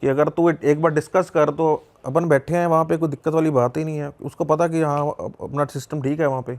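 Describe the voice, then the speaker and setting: A man's voice: a little high, steady tone, fairly quick, gravelly, darkish tone. A young man with a Punjabi accent telling a personal story in casual conversation, repeating himself and acting out the dialogue. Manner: conversational, lots of repetition and quoted dialogue. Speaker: podcast guest.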